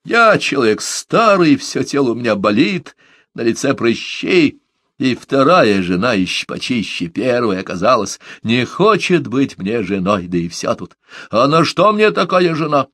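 A man's voice: mid-range voice, animated, a little slow, dry recording, voice pushed up. A man voicing a fretful, rambling old man with a quavering, plaintive voice in an audiobook. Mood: wheedling.

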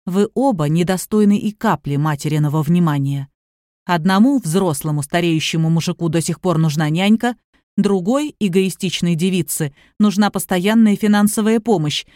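A woman reading the lines of a calm, authoritative younger man who speaks quietly but firmly. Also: on the low side, normal speed, no echo, clean studio sound, close to an everyday voice. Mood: stern. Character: calm, commanding younger man, protective suitor.

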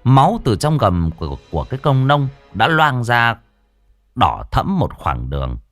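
A man's voice: mid-range voice, a little slow. A man narrating a ghost story dramatically. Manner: dramatic, expressive. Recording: dry studio voice with faint music.

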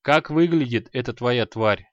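A man voicing a gruff, short-tempered bearded mage who threatens with barely held-back anger. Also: mid-range voice, unhurried, no echo, highs cut off, close to an everyday voice. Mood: irritated.

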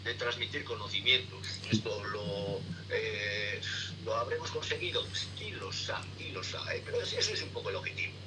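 A middle-aged man, a sailing instructor, answering interview questions in a halting way, full of fillers and tag questions. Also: fairly low pitch, animated. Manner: halting, many fillers and repeated "¿eh?". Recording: distant noisy remote line.

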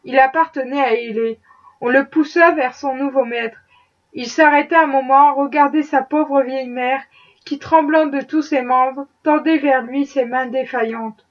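A woman narrating a classic novel as an audiobook in a steady, measured reading. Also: high-pitched, highs cut off. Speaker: audiobook reader.

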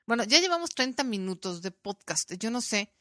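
A Mexican woman hosts her podcast in a casual, chatty way, slipping into little voices as she retells what people said. Her voice is bright and forceful, and the sound is close and dry. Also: fairly high pitch, normal speed, no room sound. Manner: animated storytelling, acting out quoted voices. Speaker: podcast host. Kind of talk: casual chat.

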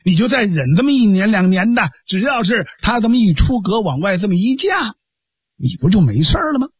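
A man's voice: high-pitched, big pitch swings, husky, dry recording, heavily acted. A man voicing a righteous young man who scolds and coaxes his foolish sworn brother firmly. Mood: coaxing. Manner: scolding, firm, measured.

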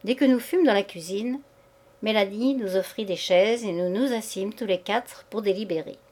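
A woman reading a classic short story aloud in a measured, expressive way. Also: mid-range voice. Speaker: reader.

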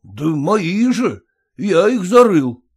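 A man voicing a proud, fussy male yard dog in an audiobook, with a husky voice and a stern, indignant, deliberate manner. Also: high-pitched, very animated, a little mellow, full character voice. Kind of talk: audiobook reading.

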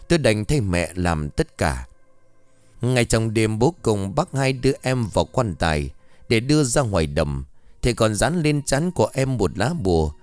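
Somber low male ghost story narrator. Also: a little mellow, no echo. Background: faint music.

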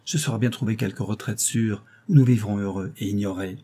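A man's voice: fairly low pitch, fairly quick, dark tone, close to an everyday voice. A man reading aloud and voicing a fiery, desperate young marquis in an audiobook, speaking in an urgent, commanding way.

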